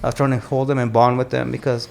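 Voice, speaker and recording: A man's voice: mid-range voice, little pitch movement, fast, gravelly, darkish tone. A man in his forties, a military veteran and father, telling rambling stories on a podcast with many restarts. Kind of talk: casual storytelling chat.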